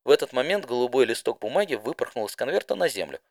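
A man narrating a fan audiobook in an expressive storytelling manner. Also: mid-range voice, fast, gravelly, dry recording, clean studio sound.

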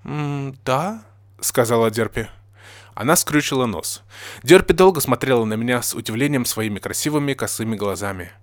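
A man reading a fan story aloud in a plain, steady narrating voice. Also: medium pitch, brisk, no echo, studio quality. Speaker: story reader.

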